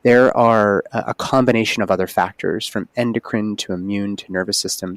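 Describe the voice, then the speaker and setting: A man with a lowish, creaky voice appears as a holistic OB-GYN guest on a podcast. In casual conversation he explains things earnestly, with animated emphasis, and the recording is dry.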